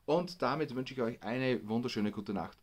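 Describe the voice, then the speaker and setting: A man reading a bedtime story aloud for children in an expressive storytelling way. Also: mid-range voice, moderate pace.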